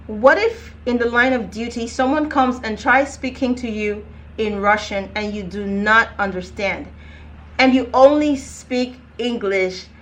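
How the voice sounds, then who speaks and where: A woman's voice: fairly high pitch, a bit bright. A young woman coaching viewers on careers, talking to camera in a direct, emphatic, conversational way. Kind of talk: casual advice vlog.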